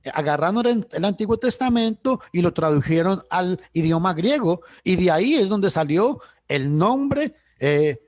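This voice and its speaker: Guy teaching bible stuff on a video call, high voice swinging all over, dry sound, keeps asking and answering himself. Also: lively intonation, normal speed, hardly any pauses, darkish tone, no room sound. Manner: emphatic, with frequent restarts and rhetorical questions. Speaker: church teacher.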